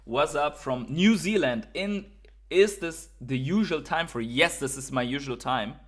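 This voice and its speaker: Here a man from Germany, a native German speaker, speaks with a German accent in a voice on the high side, unhurried in pace. He hosts a live stream with enthusiastic, informal market commentary and chat, picking up viewer messages to read and answer.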